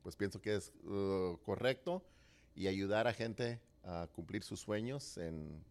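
A man's voice: low-pitched, slow pace, darkish tone. A man in his thirties, born in Mexico, chatting casually on a podcast with many fillers and hesitations. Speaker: podcast co-host. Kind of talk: casual conversation.

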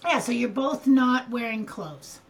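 A woman's voice: on the high side, lively intonation, a little slow, slight background noise. A woman co-hosting a casual chat over a video call, her audio cutting out on a shaky connection. She asks playful, teasing questions. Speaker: podcast co-host.

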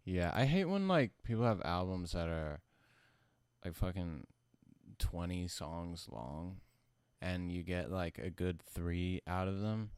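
A man who sounds high, talking casually about his music in a rambling, slangy, profane stoner manner. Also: expressive, slow pace, a little mellow, clear, resonant tone, dry recording. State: high from smoking. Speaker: musician being interviewed about own album. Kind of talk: casual chat.

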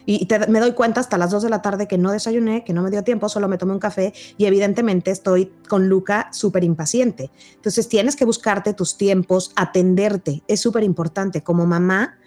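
A woman hosting a podcast, telling lively personal stories and reacting quickly. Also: medium pitch, faint music behind. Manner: chatty, animated anecdotes, quick reactions. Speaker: podcast host. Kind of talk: casual podcast conversation.

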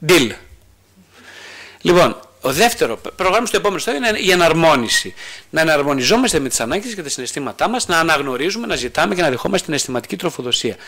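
Lively-voiced male psychotherapist explaining. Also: fairly high pitch. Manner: asks and answers his own rhetorical questions; hesitant restarts with drawn-out fillers.

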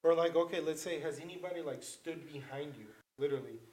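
A man's voice: on the high side, fast, darkish tone. A man telling a story in a casual podcast chat, rambling and loose, full of filler words and swearing. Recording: roomy echo.

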